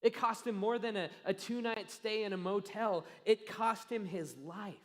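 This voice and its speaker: A man with a fairly high voice delivers a sermon as a pastor. He tells the story earnestly, builds dramatic pauses and lets his phrases fade to a hush. The sound carries the long reverb of a church auditorium.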